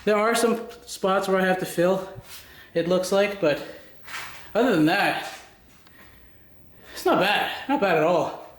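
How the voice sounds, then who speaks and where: A man's voice: sits high, a little slow, pauses often. A man chatting casually in a workshop vlog, out of breath and sweating, talking himself through the job with self-deprecating asides. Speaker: woodworking vlogger. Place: home workshop. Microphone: handheld USB mic. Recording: echoey workshop, faint noise.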